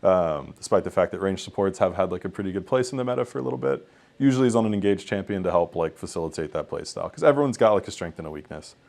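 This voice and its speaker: A man's voice: low voice, animated, quick pace, creaky, darkish tone. A young man, an esports head coach, talking candidly in a post-match interview, full of ums and likes.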